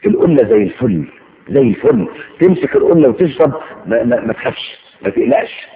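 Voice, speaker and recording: A man preaching in colloquial Egyptian Arabic, telling anecdotes and reciting verses slowly for emphasis. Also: phone-quality sound, background noise. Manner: animated storytelling, swings between loud emphasis and low asides, recites verses slowly.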